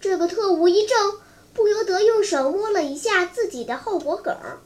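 A storyteller reading a long storybook aloud in a slow, careful way. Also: very high voice, darkish tone.

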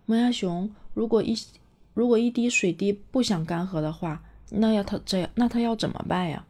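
A woman voicing a kind, gentle little water drop in a cartoon story, soft and childlike. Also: mid-range voice, normal speed, a little hiss or hum, lightly acted. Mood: curious.

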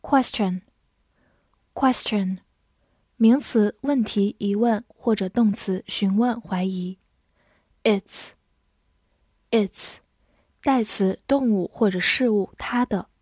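A woman teacher reads a scripted vocabulary lesson. She repeats each word slowly and clearly, then gives its meaning. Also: mid-range voice, a little mellow, no echo, studio quality. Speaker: English teacher.

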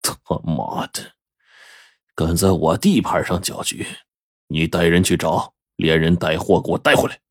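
A man's voice: low-pitched, fairly even intonation, unhurried, slightly rough, no echo, studio quality, exaggerated voice. A man voicing a ruthless, hot-tempered male gang boss who swears and threatens. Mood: menacing. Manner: swearing, menacing, bursts of shouting.

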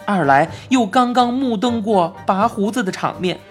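A woman with a Beijing accent narrating a children's story in an expressive, lively way. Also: medium pitch, normal speed. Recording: faint background music.

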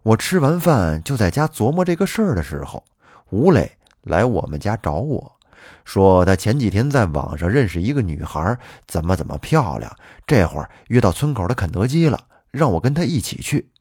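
A man's voice: fairly low pitch, normal speed, husky, no room sound, clean studio sound. A man telling a folk tale in the first person as a storytelling host. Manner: lively, animated first-person narration. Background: faint background music.

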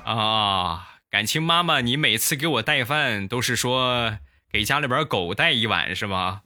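A man hosting a comedy show, telling funny stories in a lively way and acting out the voices, close to the mic. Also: mid-range voice, unhurried, noisy background. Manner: lively, acts out every voice. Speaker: comedy host. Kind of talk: comic storytelling.

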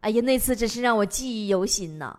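A young comedy show host from Northeast China, speaking with a regional accent, tells scripted funny stories and laughs at her own jokes. Her medium-pitched voice is darkish, fast, and lively in intonation.

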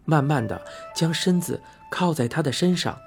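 Higher-voiced man reading a novel softly. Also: lively intonation, normal speed, music in the background. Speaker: audiobook narrator. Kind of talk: scripted narration.

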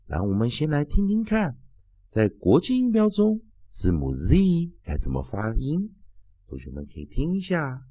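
A man teaching English phonics and drilling each sound slowly over and over. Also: medium pitch, wildly swooping pitch, dark tone, slightly rough, no room sound. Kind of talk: phonics lesson.

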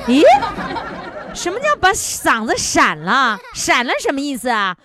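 A woman's voice: sits high, very animated, unhurried. A woman hosting a radio show, asking playful, teasing questions. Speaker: radio host. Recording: noisy, with an audience behind.

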